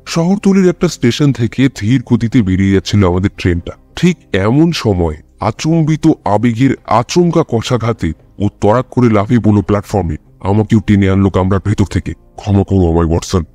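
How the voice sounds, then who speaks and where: A man narrates a detective story in the first person, in a steady, literary storytelling manner. His voice is low and mellow. The recording is close and dry. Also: no room sound.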